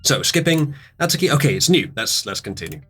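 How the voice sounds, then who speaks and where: A man's voice: medium pitch, a little fast, soft background music. A man running a game stream, chatting casually, laughing often and swearing. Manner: relaxed, laughs a lot, swears. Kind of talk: casual chat.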